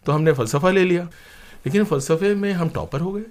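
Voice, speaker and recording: An older man from India, a broadcaster and playwright, is an interview guest telling anecdotes conversationally, wandering into digressions and acting out quotes. His voice is high-pitched with a darkish tone, and he speaks a little fast.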